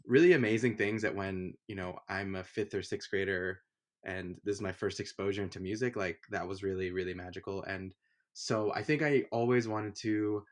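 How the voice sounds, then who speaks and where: A man's voice: low-pitched, normal speed. A young man from Honduras, a music producer, talking casually in an interview with plenty of fillers and restarts. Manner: relaxed, rambling with many fillers. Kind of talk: conversational interview.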